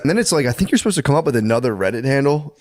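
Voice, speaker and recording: A man co-hosting a comedy podcast who throws in quick jokes and reactions. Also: medium pitch, animated, darkish tone. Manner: quick jokey interjections. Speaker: podcast co-host. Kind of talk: casual comedic banter.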